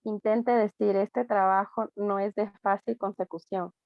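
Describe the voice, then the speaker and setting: A woman with an Ecuadorian accent, a student reading a text aloud in class, steady with small slips. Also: medium pitch, measured pace, creaky, no echo, lo-fi sound. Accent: Ecuadorian Spanish.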